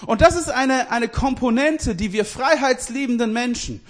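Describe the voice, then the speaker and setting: A man with a high voice preaches in a loose, conversational way. He talks directly to the people listening, corrects himself often and laughs through his points. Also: moderate pace. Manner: restarts and self-corrections. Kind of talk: casual sermon.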